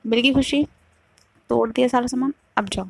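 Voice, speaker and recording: A worn-out young woman who answers curtly, fed up and cutting, as a woman storyteller acts her out. Her voice sits a little high, with a gravelly fry at the ends of phrases, and sounds close and dry. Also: normal speed, no room sound. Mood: bitter. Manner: curt, pleading then cutting. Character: young woman, weary and bitterly cold.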